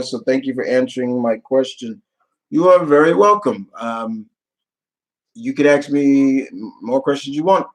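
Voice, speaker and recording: A man runs a casual livestream Q&A, reading viewers' questions out loud and then answering off the cuff in a halting manner, often repeating phrases. His voice sits at medium pitch, and the recording quality is low.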